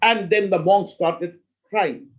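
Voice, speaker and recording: A man as a spiritual teacher, telling a story in a slow, measured way with emphatic pauses. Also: high voice, steady tone, low-quality recording.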